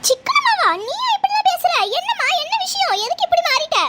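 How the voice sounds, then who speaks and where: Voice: extremely high pitch, very animated, very fast, bright, forceful tone, a little hiss or hum, pitched above the performer's own voice, heavily acted. A young performer voicing a nagging, nosy old mother-in-law in a comedy sketch, speaking with a Thoothukudi Tamil accent and exclaiming shrilly. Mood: astonished.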